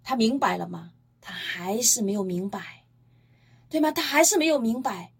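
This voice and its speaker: A woman's voice: a little high, normal speed, vocal fry, husky. A woman preaching a Bible-teaching sermon, retelling scripture emphatically and posing rhetorical questions to her listeners. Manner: emphatic, lively storytelling.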